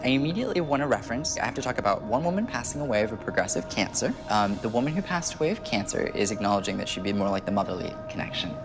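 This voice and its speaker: A young man in his 20s with a low voice works as a medium and show host, giving a spontaneous, conversational psychic reading on an indoor TV studio set. He speaks haltingly with big pitch swings, narrating impressions as they come, with music behind him.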